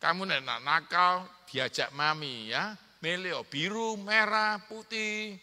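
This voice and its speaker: East javanese pastor guy, bright piercing voice, bit high, preaching and teasing the crowd, echoey hall. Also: slow pace. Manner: joking, teasing the congregation, calls for amen. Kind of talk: sermon.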